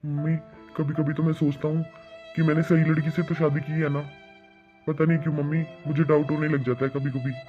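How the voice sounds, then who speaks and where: A man's voice: a little high, level tone, fairly quick, lightly acted. Man voicing a tinny-sounding doubtful young husband. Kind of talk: cartoon voice acting. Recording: tinny phone-like sound with faint music.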